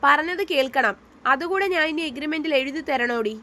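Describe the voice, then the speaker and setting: Storybook reading: a curt, bossy, quick-tempered young man, read by a woman, slightly raised voice. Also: sits high, sharp tone, pitched above the performer's own voice. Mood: scolding. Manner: curt, scolding.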